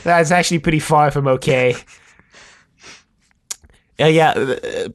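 A man's voice: fairly high pitch, unhurried. A young man with a blended South African and American accent, co-hosting a podcast in casual, wry chat. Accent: South African mixed with American. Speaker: podcast co-host.

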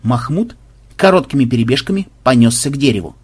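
A man narrating an audiobook in a lively storytelling manner. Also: medium pitch, brisk, slightly rough.

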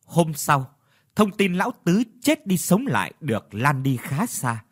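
A man narrating a ghost story in a dramatic, measured storytelling manner. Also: on the high side, sing-song, husky. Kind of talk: scripted horror story narration.

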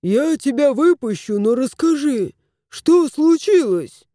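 A woman voicing a grumbling, gruff old male house spirit in a storybook reading. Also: high-pitched, big pitch swings, slow pace, dark tone, dry recording, studio quality, pitched above the performer's own voice, full character voice.

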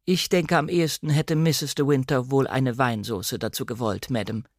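In an audiobook drama, a man voices a manor's female housekeeper who is coolly deferential, with formal, measured politeness. His natural mid-range voice is pushed up, with fairly even intonation, recorded in studio quality without echo.

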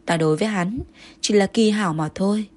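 A woman voicing a proud, jealous young consort who answers in sharp, indignant retorts, with a breathy voice. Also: medium pitch, brisk, natural voice. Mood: furious.

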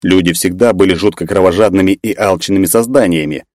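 Male fiction narrator, deep and dry, ponders aloud and bursts out in excitement. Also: brisk, no echo. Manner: musing, bursts into excited exclamations. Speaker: audiobook narrator. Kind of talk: first-person fiction narration.

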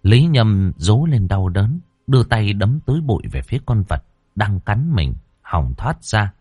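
Low, husky male horror narrator. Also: measured pace, dry recording, clean studio sound. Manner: expressive, dramatic pacing. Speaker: storyteller.

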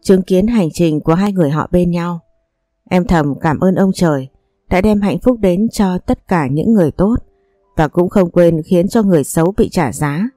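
A woman narrates a first-person story in a low, mellow voice, reading every character's lines herself. The recording is dry and close, with soft music playing faintly underneath. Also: normal speed, no echo. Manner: reads every character's lines in her own voice.

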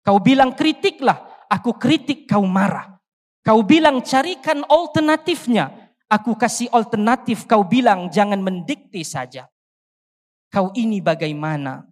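A panel speaker recites a poem in a declamatory way, then gives closing remarks. Each rhetorical line rises and falls at a middle pitch. The voice rings with the long reverb of a large convention hall. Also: animated, measured pace. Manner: declamatory, rhetorical rise and fall.

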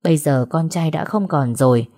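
A woman narrating a family drama story in a steady, dramatic storytelling manner. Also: low-pitched, moderate pace.

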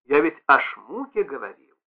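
A man's voice: on the high side, big pitch swings, normal speed. A man reading aloud and voicing a poor, sick old man who pleads and grows exasperated. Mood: pleading. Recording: tinny band-limited radio broadcast.

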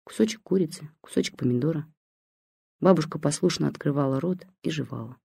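An audiobook reader giving a calm, measured first-person literary narration. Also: medium pitch, gravelly, breathy edge, no room sound, studio quality.

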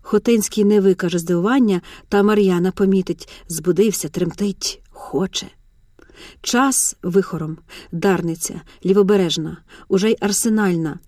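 A woman narrating an audiobook in a measured, dramatic manner. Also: medium pitch, darkish tone, dry recording, clean studio sound.

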